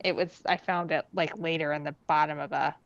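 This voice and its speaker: A woman's voice: low voice, steady tone, a little fast, no echo, dull audio. A woman on a video call in a casual sewing chat, making frank, matter-of-fact remarks.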